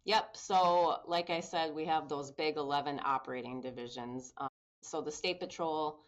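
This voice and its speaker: A woman with a notably low voice answers interview questions. She is candid, brisk and quick to poke fun at herself. The audio is dull and lo-fi. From Minnesota. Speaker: guest, public safety communications official. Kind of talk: conversational interview.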